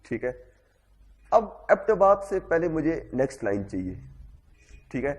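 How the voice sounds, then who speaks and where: Man, programming teacher, step-by-step, bouncy intonation, fairly high voice. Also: sing-song. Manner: repeats "theek hai" constantly, explains step by step. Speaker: programming instructor. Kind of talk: classroom coding lecture.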